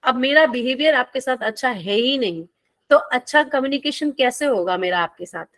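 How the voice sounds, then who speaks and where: A woman's voice: sits high, animated, moderate pace, fairly bright tone, no room sound. A woman teacher, giving a friendly, playful lecture and asking her students questions as she goes. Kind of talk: classroom lecture.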